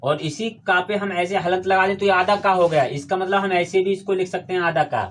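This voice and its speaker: A man's voice: sits high, fairly even intonation, fairly quick. A man teaching a classroom grammar lesson, quizzing his students with call-and-response questions and patiently repeating the key terms.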